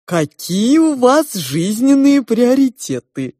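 Woman doing a pompous two-headed pig lady, very slow drawl, dark mellow tone, dry close sound. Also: a little high, big pitch swings, no echo, voice pushed up, heavily acted. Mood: ponderous. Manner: slow, ponderous, drawn-out speech. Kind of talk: audiobook character voice.

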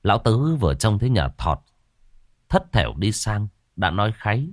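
A man's voice: on the low side, big pitch swings, moderate pace, no echo, studio quality. A man narrating a ghost story expressively.

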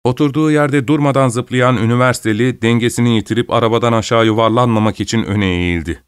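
A man reading a story aloud as narrator in a steady, measured manner. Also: mid-range voice, clean tone, no room sound, clean studio sound. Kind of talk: scripted narration.

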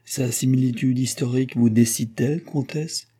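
A man's voice: medium pitch, steady tone, moderate pace, dark tone, husky, natural voice. A man doing a hearty, food-loving king. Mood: insistent. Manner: hearty, insistent, fond of his food. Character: genial, well-fed old-regime king.

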